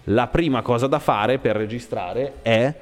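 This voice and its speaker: Brief: adult male host guiding children through a school podcast, encouraging and questioning, mid-pitched, room with long reverb. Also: measured pace. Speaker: radio host leading a school podcast session. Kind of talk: friendly coaching chat with children. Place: school room set up for recording. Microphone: studio microphone with headphones.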